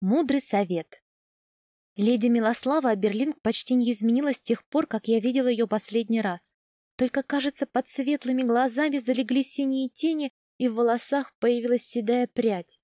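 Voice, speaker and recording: A woman narrating a novel in the first person, measured and softening on quiet lines. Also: a little high, no room sound, clean studio sound. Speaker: audiobook narrator.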